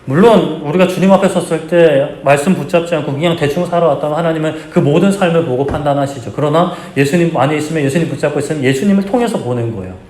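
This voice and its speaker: A man's voice: a little high, quick pace, hardly any pauses, darkish tone. A male pastor preaching a sermon in an earnest, exhorting way, with conversational asides to the congregation. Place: church sanctuary. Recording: echoey church hall, faint background hum.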